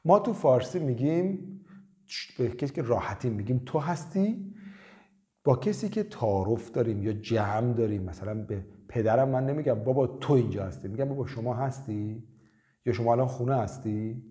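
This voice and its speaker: A man teaching basic English in a casual, lively way, repeating short phrases for students to copy. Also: mid-range voice. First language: Persian. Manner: lively, drills phrases with repetition. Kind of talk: casual spoken lesson.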